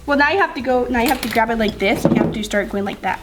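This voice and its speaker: A young woman making a casual vlog, cheerfully coaching a small child and squealing with excitement. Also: on the high side, racing. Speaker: slime vlogger. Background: background music.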